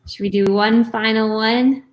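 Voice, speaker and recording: Unhurried woman co-hosting live bingo. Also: on the high side, steady tone, poor audio. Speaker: co-host of a live online bingo event. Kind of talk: casual live-stream hosting chat.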